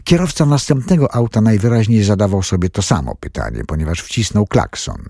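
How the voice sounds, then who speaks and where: A man reading a thriller audiobook as scripted narration, telling the story dramatically in a husky voice. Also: animated, a little fast, dark tone, no echo, clean studio sound. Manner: dramatic storytelling with wide swings in pitch.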